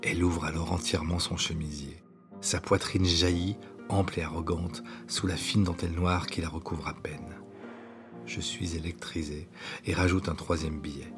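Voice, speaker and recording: A man reading his own autobiographical story as scripted narration, in an intimate, hushed way that at times drops to a whisper. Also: sits low, level tone, normal speed. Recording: narration over clear background music.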